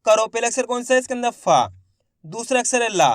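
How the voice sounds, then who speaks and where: High-voiced man drilling syllables slowly. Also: dry recording, studio quality. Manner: slow, syllable-by-syllable drilling with repeated prompts; addresses viewers directly as friends. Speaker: Hindi reading teacher. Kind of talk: classroom-style lesson to camera.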